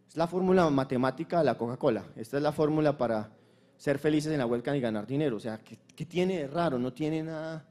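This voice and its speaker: A man's voice: fairly high pitch, a little mellow. A Colombian man giving a motivational conference talk from a stage, emphatic and repetitive, with crude slang. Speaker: conference speaker. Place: stage at a launch event.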